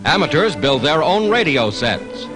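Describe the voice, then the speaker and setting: A high-pitched, animated American newsreel narrator from the 1940s reads a scripted narration in a declamatory, formal announcer style, taking his time. Orchestral music plays behind him on the vintage 1940s newsreel soundtrack.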